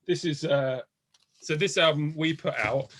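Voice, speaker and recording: Chill guy hosting a chat, kinda high voice, laughs along. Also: unhurried, a bit bright. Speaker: host. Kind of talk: casual chat.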